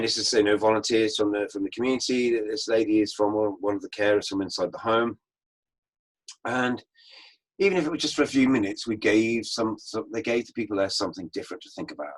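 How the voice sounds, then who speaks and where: A permaculture teacher with a somewhat low voice gives an online lecture over his slides. He shares field experience in an unhurried, anecdotal storytelling style, and the recording quality is low.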